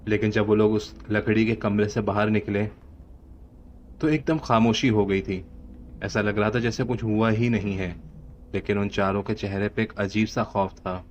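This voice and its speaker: Male horror narrator, Pakistani Urdu accent, low and steady, on a muffled recording with slight hiss. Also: moderate pace. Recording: dull lo-fi audio with faint hiss.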